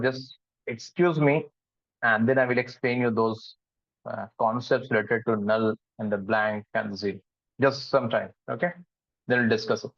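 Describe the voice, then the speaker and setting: A man's voice: medium pitch, no echo. A man leads a live online programming lesson, explaining step by step and often checking whether the class has followed. He drifts between English and Hindi. The sound is dry and a little muffled, like a call recording. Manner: mixes English and Hindi, asks the class questions. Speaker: programming instructor.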